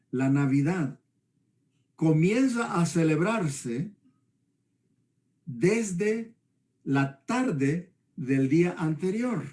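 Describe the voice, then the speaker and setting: A man from El Salvador, a pastor, speaks in a fairly high, darkish-toned voice while discussing the Bible. His teaching is didactic yet conversational, and he often checks for agreement with tag questions.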